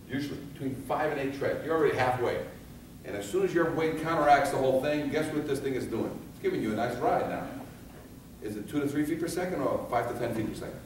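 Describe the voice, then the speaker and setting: A man's voice: medium pitch, fast. A man teaching a class of firefighters. He keeps asking the room questions, answers them himself, and acts out scenes in different voices. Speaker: fire safety instructor. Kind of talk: live training talk to firefighters. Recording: echoey, from far off, with some background noise.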